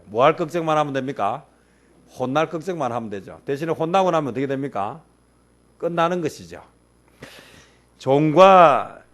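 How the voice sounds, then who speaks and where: A middle-aged man preaching a sermon as a pastor, asking rhetorical questions and answering them himself. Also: mid-range voice.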